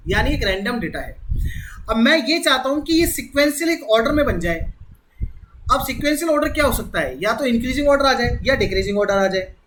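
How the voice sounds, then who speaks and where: A man's voice: very high voice, bright, forceful tone, a little hiss or hum, low-quality recording. A man teaching an exam-prep lesson, explaining step by step and repeating key words. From India. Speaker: reasoning teacher. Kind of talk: exam-prep classroom lecture.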